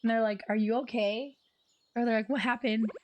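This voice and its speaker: A hoarse young woman livestreaming, telling a story in a chatty, laid-back way with lots of "like". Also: fairly high pitch, fairly even intonation, fairly quick, darkish tone, highs cut off, slight background noise. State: hoarse, losing her voice. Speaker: streamer. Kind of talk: casual livestream chat. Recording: faint music in the background.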